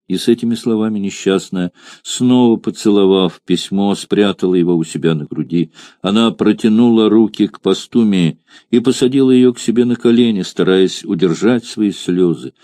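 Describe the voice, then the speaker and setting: A man narrates an audiobook in a deep, mellow voice. He tells the story in a measured, expressive way. The recording is dry and close. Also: no echo. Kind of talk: scripted narration.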